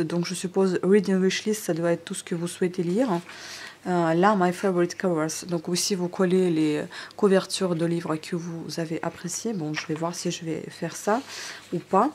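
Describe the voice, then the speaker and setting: Chatty woman with a lowish voice. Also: steady tone, measured pace, a little mellow, slight background noise. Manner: hesitant, many fillers and restarts; chatty, addresses viewers directly. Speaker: stationery haul vlogger. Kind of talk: casual show-and-tell vlog. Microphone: DSLR camera on tripod.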